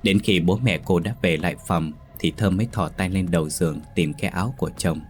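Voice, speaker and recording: A man narrating a ghost story in a slow, measured, suspenseful scripted style. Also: low-pitched, soft background music.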